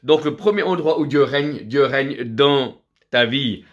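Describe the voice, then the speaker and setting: Middle-aged guy preaching hard, repeats himself a lot, keeps saying alleluia, mid pitch. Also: measured pace, lo-fi sound. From Vietnam. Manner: fervent, repetitive preaching with frequent alleluias. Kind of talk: sermon.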